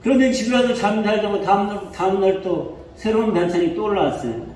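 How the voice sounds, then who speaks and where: A male pastor preaching a sermon in a church, telling a story with lively questions to the congregation. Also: high-pitched, a little fast. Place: church sanctuary. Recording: echoey church hall from far off, faint music.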